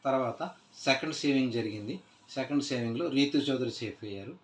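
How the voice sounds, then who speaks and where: A man's voice: mid-range voice, brisk. A man casually recapping a reality show episode, retelling scenes loosely with many "aa" fillers and restarts. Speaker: TV show reviewer. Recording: echoey room.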